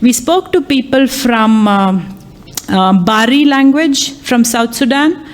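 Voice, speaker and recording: Speaking live at a conference hall, an AI lecturer and workshop chair whose native tongue is Tamil talks slowly in a voice on the high side. Her delivery is hesitant and full of fillers such as ums and uhs, plus frequent restarts.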